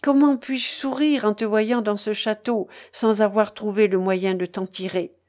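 A woman reading the part of a young priest in love, earnest and urgent, sometimes hushed. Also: mid-range voice, steady tone, a little slow, natural voice. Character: young priest, troubled and secretive lover.

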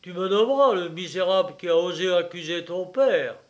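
A middle-aged land dealer bellows with fear and indignation, as a man reads him aloud. His voice jumps up higher and louder than the narration, blustering and frightened. It is slow and heavy in delivery. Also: lively intonation, heavily acted. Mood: blustering anger. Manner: loud, blustering, indignant shouts.

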